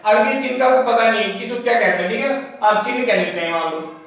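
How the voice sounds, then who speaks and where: A man's voice: extremely high pitch, quick pace, a bit bright. A man teaching a basic grammar lesson, explaining step by step and often asking and answering his own questions. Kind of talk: classroom lecture. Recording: echoey room, voice from far off.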